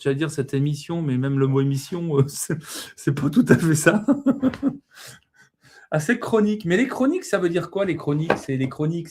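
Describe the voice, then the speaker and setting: Male co-host, slightly high voice, playful, self-deprecating, casual swearing, loose chat. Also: darkish tone. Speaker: co-host of an oracle card reading livestream.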